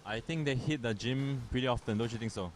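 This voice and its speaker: A man's voice: medium pitch, fast talker, background noise. Easygoing male squash commentator. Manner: easygoing, asks his co-host questions. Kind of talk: casual live sports commentary.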